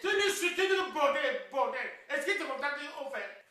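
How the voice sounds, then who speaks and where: A woman playing a blustering, evasive father, repeating herself excitably. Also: sits high, moderate pace. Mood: angry. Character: blustering father caught between daughter and wife. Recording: echoey room from a distance.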